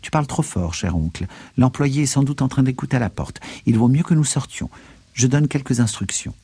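Man reading tired docile accused man, quiet, dark husky voice, audiobook. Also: mid-range voice, animated, a little fast, no echo, voice pushed up. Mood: weary. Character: weary, docile young man accused in a trial.

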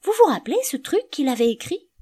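A woman's voice: sits high, big pitch swings, quick pace, warm tone, pitched above the performer's own voice. A woman reading an audiobook, voicing a mild, easygoing middle-aged male canvasser with a doubtful manner.

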